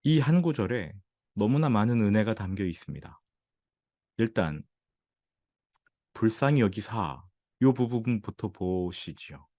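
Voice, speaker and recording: Korean pastor preaching, low dry voice. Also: male voice, a little slow, long pauses, dry recording. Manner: animated preaching, acting out quoted speech. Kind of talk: sermon.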